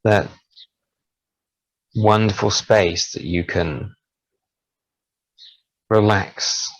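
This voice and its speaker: A man leading a guided hypnosis relaxation, speaking in slow, soothing, drawn-out phrases. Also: lowish voice, no echo, low-quality recording.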